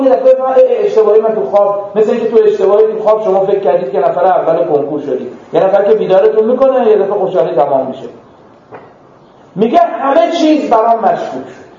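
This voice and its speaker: A man with a fairly high voice teaches philosophy, telling stories and playing out short exchanges between people. The recording is very echoey and muffled, as if captured from a large hall. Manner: lively storytelling lecturer, acts out little dialogues. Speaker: philosophy lecturer. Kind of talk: classroom lecture.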